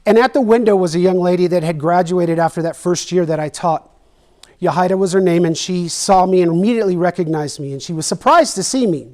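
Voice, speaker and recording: A man's voice: high voice, brisk, darkish tone. A middle-aged man from Texas, an educator telling a personal story in a presentation, earnest and emotional, repeating phrases for emphasis.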